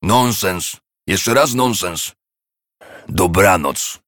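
A man's voice: low-pitched, expressive, extremely slow, a bit bright, no room sound, studio quality, full character voice. A man voicing a miserly, grumpy old man who scolds and mocks in a harsh, scornful way. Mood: angry.

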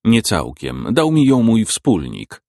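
A man's voice: on the low side, takes it slowly, dry recording, exaggerated voice. A man voicing a weary, sardonic detective. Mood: glum. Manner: dry, world-weary, deadpan.

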